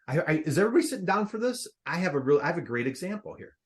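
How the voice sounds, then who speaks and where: A man's voice: on the high side, sing-song, very fast. A man hosting a live online workshop, upbeat and playful, quizzing his audience over a video call. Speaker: workshop host.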